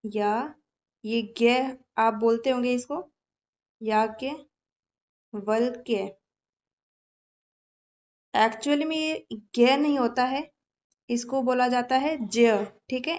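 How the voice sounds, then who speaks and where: A woman's voice: sits high, highs cut off. A woman teaching an exam-prep lesson, explaining patiently with memory tricks and often checking in with her students.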